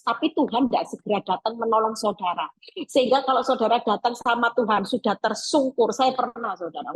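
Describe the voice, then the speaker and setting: Husky-voiced woman preaching emphatically. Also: a little high, low-quality recording. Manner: emphatic, acts out pleading prayers. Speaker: evangelist preaching. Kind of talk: sermon over a video call. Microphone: video call.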